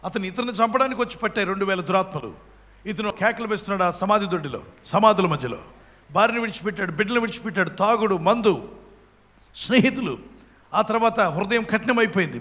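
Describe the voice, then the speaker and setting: A man's voice: high-pitched, fairly bright tone, long reverb tail. A man preaching a sermon fervently, telling a parable and acting out the dialogue of its characters. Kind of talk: Telugu sermon with storytelling.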